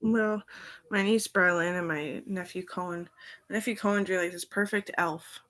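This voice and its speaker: A woman's voice: lowish voice, steady tone, normal speed, a bit bright. A woman in a rambling casual monologue, drifting between thoughts and sometimes trailing off into whispers. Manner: meandering, loose train of thought.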